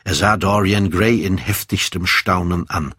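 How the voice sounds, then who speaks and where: A man narrating a classic novel as an audiobook, measured and even. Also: low-pitched, husky, dry recording, studio quality.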